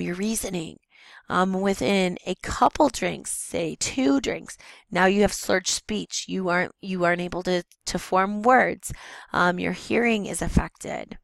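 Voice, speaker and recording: A woman teacher with a hoarse, gravelly voice talks through a slide lesson for her students. She explains plainly, stopping for ums and fixing her own words. The recording is close and dry. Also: lowish voice, no room sound, low-quality recording. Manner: explanatory, with frequent ums and self-corrections. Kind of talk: recorded classroom lecture over slides.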